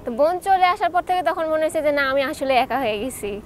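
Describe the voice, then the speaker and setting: A woman's voice: sits high, expressive, brisk, a little hiss or hum. A young woman, a footballer guest recounting memories plainly in an interview. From Bangladesh. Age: young adult. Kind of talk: casual interview chat.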